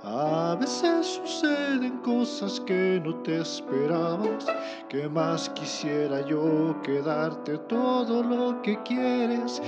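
A man playing a soft-spoken, hesitant father who is out of work. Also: high-pitched, lively intonation, extremely slow, loud music behind the voice, heavily acted. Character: gentle, unemployed father. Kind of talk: comedic voice acting.

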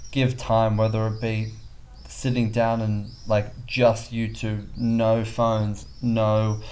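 A man's voice: fairly low pitch, little pitch movement, takes it slowly, darkish tone, slight background noise. A young Australian man with a lisp, a podcast guest talking casually and hesitantly with lots of ums. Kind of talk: casual interview chat.

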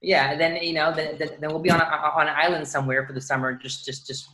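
A man's voice: fairly high pitch, level tone, quick pace, a loud crowd. A man in his thirties from Dallas, Texas, guesting on a podcast in casual, rambling chat. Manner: rambling, many restarts and fillers.

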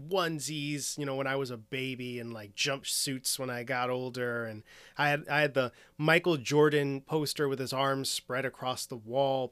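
Halting man in his late twenties. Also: mid-range voice, fairly bright tone, no room sound. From Northwest Indiana, near Chicago. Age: 20s. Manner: halting, fills with "you know" constantly. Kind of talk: reflective personal monologue.

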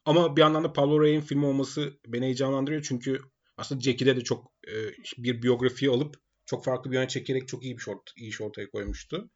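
A man's voice: medium pitch, steady tone, a little fast, highs cut off. A man co-hosting a film podcast, giving opinions in a casual, teasing way. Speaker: podcast co-host.

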